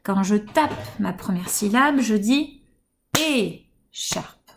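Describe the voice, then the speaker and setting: A woman kindergarten teacher with a French accent, giving a home-school phonics lesson to young children, speaking slowly and articulating each word with gentle encouragement. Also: medium pitch, animated, noisy background.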